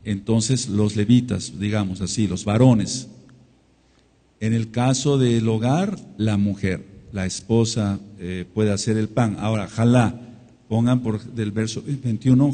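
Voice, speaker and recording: A man's voice: lowish voice, dark tone. A man with a Mexican Spanish accent teaching a sermon-style Torah study, repeating phrases for emphasis and calling out amen and hallelujah. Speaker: congregation teacher. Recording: long hall reverb.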